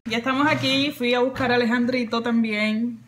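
A woman's voice: on the high side, moderate pace, music in the background. A young woman chatting casually to camera in a vlog, filmed on a phone held close in a small room at home. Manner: chatty, animated, talks to a small child. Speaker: vlogger. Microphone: phone camera close to her face.

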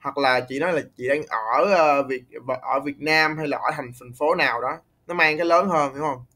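A man's voice: on the high side, pushed and bright. Patient Vietnamese man tutoring English. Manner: patient, repeats words slowly to correct pronunciation. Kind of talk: online English tutoring, casual.

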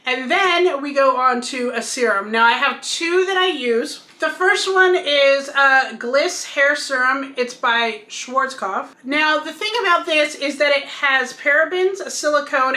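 A woman in her thirties with a high, bright voice chats casually through a product review at home. She explains each item as she holds it up, and her voice carries some room echo. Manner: chatty, explains while showing products. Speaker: beauty vlogger. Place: bedroom at home, indoors.

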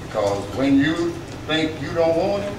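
A man's voice: on the high side, sing-song, unhurried, over a noisy crowd. An older man with a Southern US accent, a visiting pastor giving folksy, joking remarks from the pulpit. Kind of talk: church remarks. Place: church sanctuary, at a pulpit. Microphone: pulpit mic, filmed by far camera. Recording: echoey church from far off, loud room noise.

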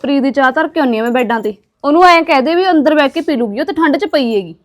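A woman's voice: high-pitched, animated, fast. A woman, arguing insistently in a comic web series.

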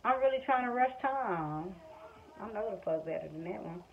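Speaking animatedly at a moderate pace, this twentysomething American woman from Missouri, a vlogger and stay-at-home mom, talks casually and candidly to camera in everyday language. She's indoors in a small room at home, recorded on a nearby or arm's-length phone whose dull, lo-fi sound picks up faint household noise.

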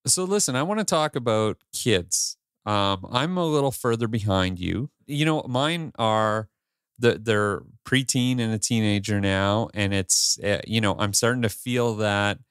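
Candid lowish-voiced male podcast host. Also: measured pace, fairly bright tone, smooth, no echo, clean studio sound. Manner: candid, rambling with restarts and swearing. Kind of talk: casual chat.

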